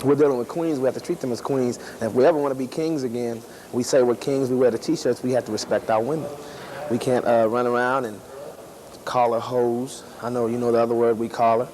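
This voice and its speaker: A man's voice: medium pitch, fairly even intonation, a little fast, darkish tone, poor audio. A man giving his opinion in a street interview, preachy and emphatic, repeating his points.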